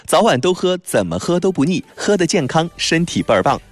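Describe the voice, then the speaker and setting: A man delivering a direct-response sales advertisement as a shopping pitchman, emphatic, persuasive and urging. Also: sing-song, fairly quick, no echo.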